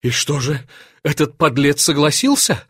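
A man's voice: a little high, big pitch swings, normal speed, fairly bright tone, husky, no room sound, clean studio sound, heavily acted. A man reading an audiobook, voicing a panicked middle-aged banker who pleads in frightened, rising outcries.

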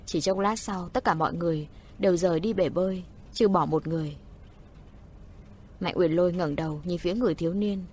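Husky-voiced woman narrating a story. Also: lowish voice. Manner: expressive reading. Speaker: audiobook narrator.

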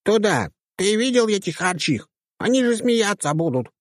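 A man voicing a petulant, whining short male squad mate in an audiobook, in a squeaky high voice. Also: sing-song, normal speed, no room sound, clean studio sound. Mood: whiny. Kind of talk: audiobook character voice.

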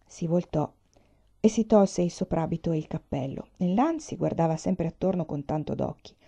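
A woman reading a novel aloud in a steady, measured way. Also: on the low side, creaky, husky. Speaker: audiobook reader. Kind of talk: scripted narration of a novel. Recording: dull lo-fi recording.

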